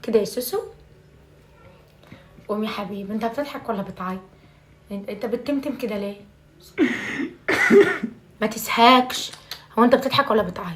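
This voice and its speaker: An Egyptian woman plays a mother in a comic family video, her fairly high voice brisk and full of pauses over slight background noise. She alternately pleads with and scolds her son, swearing oaths and erupting in loud exasperation. Then she heaps on endearments, often sinking to a hushed half-whisper.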